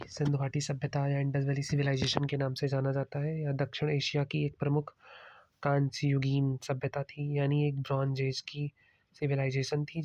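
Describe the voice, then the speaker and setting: A man's voice: on the high side, a little mellow, lo-fi sound. A man teaching exam prep by walking through slides. He explains steadily and mixes English terms into his Hindi. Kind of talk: slide-based lecture.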